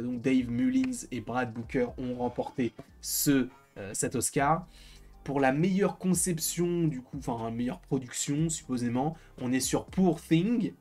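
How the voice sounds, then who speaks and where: A man chats casually about films, pausing often with fillers and restarting his sentences. He sounds a bit tired, at an ordinary middle pitch. Faint music plays behind him. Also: a little mellow. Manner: hesitant, many fillers and restarts. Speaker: film commentator. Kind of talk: casual commentary.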